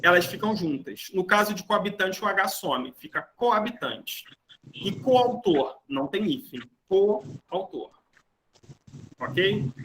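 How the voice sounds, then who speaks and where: A man's voice: high voice, expressive, slow, sharp tone, slight background noise. A man teaching a grammar lesson to a class, explaining rules step by step and often checking that students are following. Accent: Brazilian Portuguese. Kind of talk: online grammar lecture.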